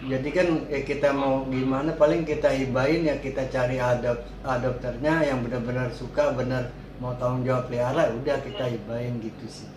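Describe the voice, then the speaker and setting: Here the cat boarding and grooming business owner speaks at a medium pitch, fairly quickly, with fairly even intonation. His casual interview replies lean on repetition and affirmations, and the audio carries echo and clear background noise.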